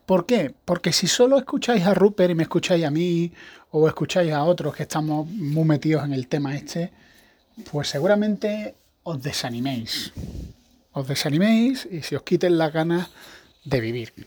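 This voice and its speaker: A man's voice: fairly high pitch, expressive, normal speed, a little mellow, breathy edge. A man hosting a podcast, talking in a rambling, casual monologue with frequent restarts. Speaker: podcast host; evangelical pastor.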